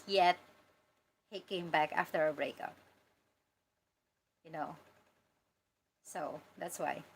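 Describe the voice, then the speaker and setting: This Filipino vlogger's mid-range, slightly bright voice comes through a low-quality recording with a little hiss or hum. She's candid and informal, talking right to viewers as she answers livestream chat comments.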